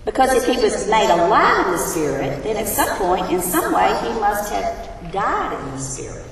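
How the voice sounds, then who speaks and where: A woman's voice: medium pitch, sing-song, normal speed, gravelly, distant mic, a little hiss or hum. A woman teaching a sermon who asks her congregation questions, her voice echoing around a big hall. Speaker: Bible teacher. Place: large hall.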